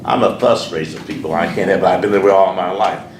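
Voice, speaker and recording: A man's voice: sits low, fairly even intonation, fast talker. An older man with a Southern American accent, a pastor from Alabama, earnestly recalling his life in an oral history interview, often repeating his words. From Sheffield, Alabama. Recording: echoey room, distant mic, noisy.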